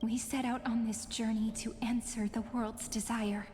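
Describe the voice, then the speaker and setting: An actress playing an earnest, sorrowful young heroine in a fantasy video game. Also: female voice, on the high side, flat delivery, moderate pace, darkish tone, close to an everyday voice. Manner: earnest, lamenting. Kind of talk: scripted video game dialogue. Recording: long hall reverb, music behind.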